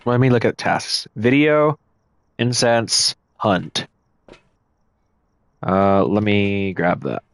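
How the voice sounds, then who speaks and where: A man's voice: fairly low pitch, lively intonation, slow pace, long pauses, clear, resonant tone. A man streaming a ghost-hunting game live, casually thinking aloud and explaining his moves to the chat. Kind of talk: live gameplay commentary.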